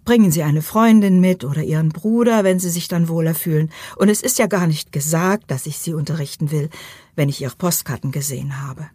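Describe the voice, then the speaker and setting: A woman's voice: low voice, brisk, mellow, slightly rough, no room sound. A woman voicing a brooding, insistent male painter in an audiobook, speaking in a persuasive, urging way.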